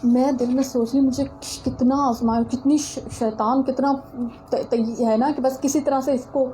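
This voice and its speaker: A woman's voice: high voice, fairly even intonation, mellow, slight background noise, low-quality recording. A woman from Pakistan giving a religious lecture as a teacher, telling a personal story in an earnest way and speaking straight to her listeners.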